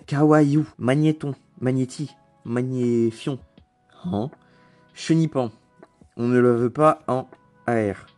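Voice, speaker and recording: A young man chatting casually while opening trading card packs, who rambles between cards and breaks into excited shouting over good pulls. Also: medium pitch.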